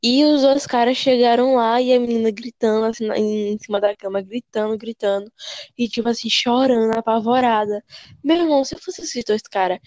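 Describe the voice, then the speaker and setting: A young woman with a Brazilian accent, a podcast co-host telling scary stories in casual chat, animated and full of slang, repeating words as she goes. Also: a little high, no room sound. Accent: Brazilian Portuguese.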